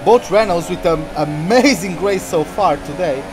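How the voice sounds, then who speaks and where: Guy playing a racing game, chatting through the race casually, loud engines behind the voice. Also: high-pitched, normal speed, noisy background. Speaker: video game player and commentator. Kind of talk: casual live gameplay commentary. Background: racing game car engines.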